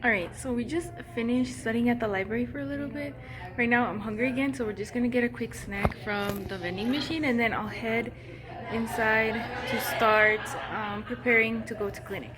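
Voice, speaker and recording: A woman's voice: fairly high pitch, fairly quick, a crowd in the background. A woman dental hygiene student chatting casually to her viewers in a vlog, talking straight to the camera about her week. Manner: chatty, addresses viewers directly.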